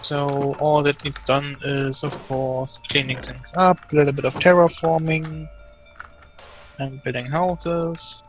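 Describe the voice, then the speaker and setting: A man talking over a shared game in a flat, even voice. He speaks hesitantly, trailing through fillers as he lists his plans. Faint music plays underneath. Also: a little high, takes it slowly, low-quality recording. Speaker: co-player. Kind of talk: casual chat while gaming.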